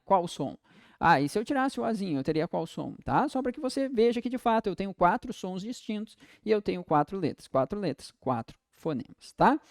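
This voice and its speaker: Young Brazilian man teaching an exam-prep lesson, animated, drawn-out example words, fairly high pitch. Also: dry recording, studio quality. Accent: Brazilian Portuguese.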